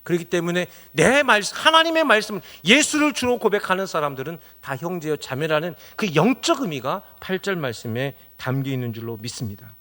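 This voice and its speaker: A man's voice: on the high side, animated, brisk, few pauses, pushed and bright. A middle-aged male pastor preaching a Sunday sermon, who asks the congregation rhetorical questions and builds up to emphatic exclamations.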